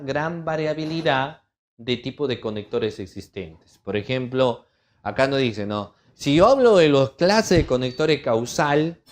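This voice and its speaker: A middle-aged man leads a writing workshop for lawyers at an average pitch. He reads out lists of terms in a steady, measured cadence. He often stops to check in with his students through rhetorical questions. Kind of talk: online legal writing lesson.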